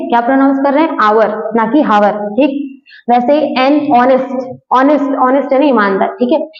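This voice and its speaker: A woman teaching an English grammar lesson. She keeps asking questions and answering them herself, and she explains patiently, going over each point again and again. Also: sits high. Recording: echoey room, dull lo-fi sound.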